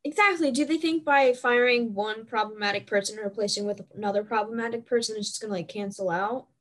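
A young woman chatting casually about hockey with friends, animated and full of fillers. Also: a little high, quick pace.

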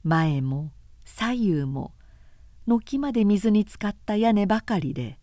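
A woman narrating a classic novel in a slow, measured audiobook reading, close to a studio mic. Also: mid-range voice, lively intonation, mellow, no room sound.

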